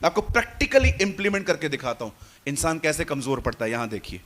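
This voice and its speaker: A man preaching a sermon to a congregation, shifting between quiet asides and loud, animated calls. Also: fairly high pitch, fairly quick. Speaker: pastor. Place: church hall with congregation.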